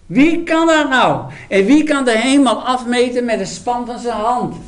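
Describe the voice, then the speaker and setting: A man's voice: very high-pitched, measured pace. A man preaching a sermon, retelling a scripture story with dramatic, emphatic storytelling.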